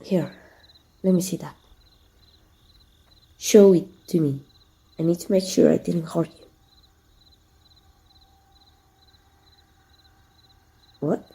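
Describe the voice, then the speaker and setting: Now sounding concerned and tender, the Mexican woman continues her intimate ASMR roleplay as a teasing, gentle female villain, breathy and soft with some whispers. Her voice is lowish and her pace measured.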